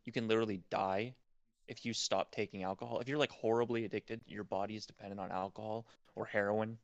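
A man works through his ideas in relaxed, meandering sentences, often stopping to restart. His voice is on the low side. The recording is dry and close. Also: fast talker, dry recording, lo-fi sound. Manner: explains in long hedged sentences with many likes and restarts. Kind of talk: casual chat.

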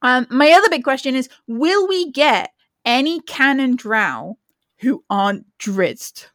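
Woman podcast co-host, casual and frank, a little high, dry close sound. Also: animated, measured pace, a bit bright, no echo. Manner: frank, swears, laughs often. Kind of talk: casual chat.

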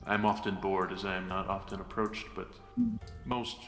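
A man voicing a tall, condescending male sun god who speaks slowly and grandly, with reverb added. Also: low voice, flat delivery, fairly bright tone, soft background music. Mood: lofty. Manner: slow, grand and lofty. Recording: long echoing reverb.

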